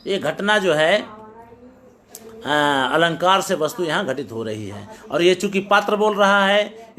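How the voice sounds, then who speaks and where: A man's voice: on the high side, a bit bright. A middle-aged male teacher lecturing on poetics, reciting classical verses and explaining them line by line.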